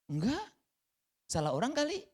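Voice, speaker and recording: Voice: wildly swooping pitch, normal speed, a little mellow, slightly rough, full character voice. A preacher voicing the apostle Peter, emphatic and pleading inside a sermon. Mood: protesting. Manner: emphatic, high-pitched earnest pleading. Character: impetuous apostle Peter, protesting loyalty. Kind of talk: acted quotation within a sermon.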